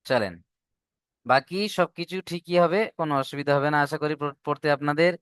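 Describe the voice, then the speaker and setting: A man teaching Arabic letter vowels in an online class, patiently drilling syllables and repeating them slowly. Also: on the high side, a bit bright, smooth, no echo, studio quality.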